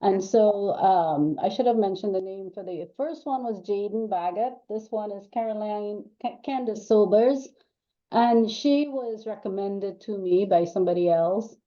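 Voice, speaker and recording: An older woman from Trinidad and Tobago chats casually as a guest author in an interview, speaking in loose runs full of ums and restarts. Her mid-range voice is mellow and unhurried, heard through dull lo-fi call audio.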